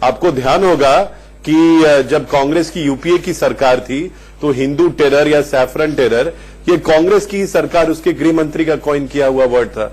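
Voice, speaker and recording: A man's voice: fairly high pitch, moderate pace, darkish tone. A man arguing as a party spokesperson in a heated television debate, speaking over his opponents.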